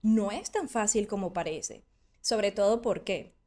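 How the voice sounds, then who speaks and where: A woman's voice: mid-range voice, measured pace, dark tone. A woman teaching in an online lesson, explaining at length and acting out learners' doubts with rhetorical questions. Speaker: Spanish teacher.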